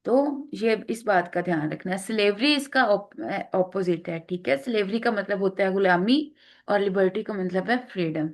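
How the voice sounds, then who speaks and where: A woman's voice: medium pitch, normal speed. A woman teaching exam vocabulary, explaining patiently with frequent fillers and restarts, mixing English terms into her speech. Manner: explains patiently, repeats words, many fillers; mixes English terms into Urdu-Hindi speech.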